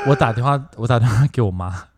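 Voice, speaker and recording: A man's voice: mid-range voice, background noise. A man with a Taiwanese Mandarin accent, co-hosting a podcast and telling a story in casual chat, acting out the voices in it. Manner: animated, acts out quoted dialogue, bursts of loud laughter. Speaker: podcast co-host.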